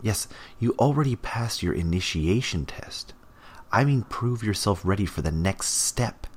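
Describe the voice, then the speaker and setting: A man's voice: fairly low pitch, animated, a little slow, slightly rough, pitched above the performer's own voice. A man voicing a powerful male crime boss who speaks in a curt, commanding way.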